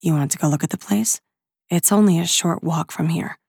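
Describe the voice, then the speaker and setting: A woman voicing a friendly young man who speaks lower and slower, confiding and sly. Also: creaky, darkish tone, slightly rough, no echo, clean studio sound. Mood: teasing.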